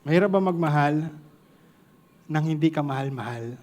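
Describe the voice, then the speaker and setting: A man's voice: fairly high pitch, moderate pace, darkish tone. A man with a Filipino accent preaching a sermon to a congregation, mixing two languages and joking with the listeners.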